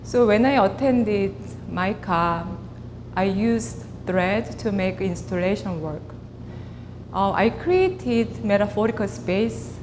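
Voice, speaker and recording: A woman from South Korea with a Korean accent, in her late thirties or forties, giving a measured artist talk with pauses and fillers. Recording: reverberant hall with clear rumble.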